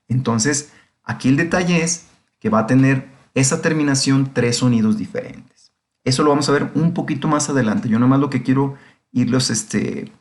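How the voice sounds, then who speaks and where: Male teacher, patient step-by-step grammar lecture. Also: medium pitch. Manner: patient, repeats "¿de acuerdo?" to check understanding. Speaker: English teacher. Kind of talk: classroom lecture explaining grammar.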